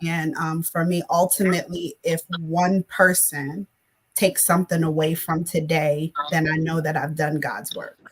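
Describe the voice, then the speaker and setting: A woman's voice: deep voice, flat delivery, unhurried. A woman from Ghana, a panel guest who runs wellness retreats, speaking with many hesitant "um"s. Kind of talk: panel talk show discussion.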